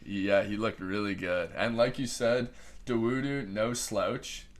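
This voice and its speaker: Low-voiced man in casual fight talk. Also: fairly even intonation, a little slow. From Canada. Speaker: podcast co-host. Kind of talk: casual sports chat.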